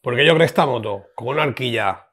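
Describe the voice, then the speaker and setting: A man co-hosting a casual chat about motorcycles, animated and prone to repeating words. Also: mid-range voice, quick pace, husky. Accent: Spanish. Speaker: motorcycle shop co-host.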